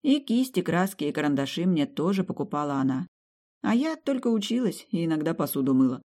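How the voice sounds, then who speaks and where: A woman's voice: deep voice, sing-song, fairly quick, mellow. A woman narrating a humorous fantasy audiobook in the first person, with a wry, conversational delivery.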